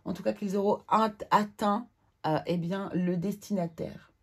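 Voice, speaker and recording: Brief: female tarot reader, slightly husky tone, calm, measured reading with some hesitation. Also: mid-range voice. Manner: calm reading of card messages with hesitant fillers.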